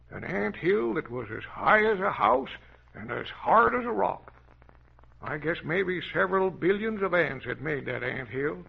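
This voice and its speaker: A folksy old adventurer captain telling children his tales, with a raised, very gravelly voice. It comes through as an old radio show, muffled and lo-fi with a faint hiss behind it. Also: a little high, full character voice. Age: older. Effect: old radio show sound. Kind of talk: 1930s radio acting.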